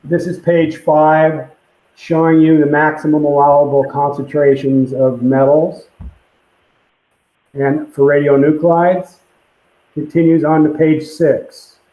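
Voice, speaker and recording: A man's voice: on the high side, level tone, takes it slowly. A man giving a plain, matter-of-fact technical briefing on a call, his voice muffled as if talking through a pipe from a computer mic. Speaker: site presenter at a public conference call. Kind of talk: technical briefing reading from a permit. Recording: echoey, muffled call audio.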